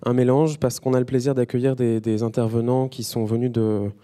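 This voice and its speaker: Mellow-voiced French moderator man. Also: medium pitch, level tone. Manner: unhurried, pauses often between phrases. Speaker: panel moderator. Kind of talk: conference panel introduction.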